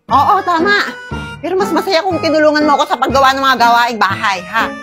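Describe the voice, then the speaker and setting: A woman's voice: sits high, a little fast. A woman performing a comedy skit, bickering playfully. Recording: music behind. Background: music.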